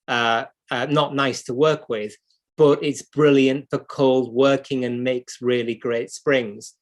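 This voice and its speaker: A man with a British accent talks at a medium pitch, thinking aloud as an instructor would. His delivery is unscripted and explanatory, like someone showing practical work step by step. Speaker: clock repair instructor and livestream host. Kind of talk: unscripted hands-on demonstration.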